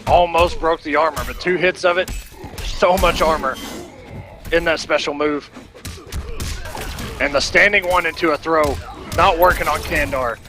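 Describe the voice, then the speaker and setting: A man's voice: fairly high pitch, normal speed, pauses often, over music. A man doing live fighting game commentary in a casual, enthusiastic, slangy manner. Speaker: esports commentator.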